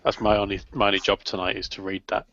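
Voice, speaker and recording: A man's voice: fairly low pitch, level tone, quick pace, crowd noise. A man in a casual group chat over a video call, dry and matter-of-fact. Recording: dull lo-fi call with faint noise.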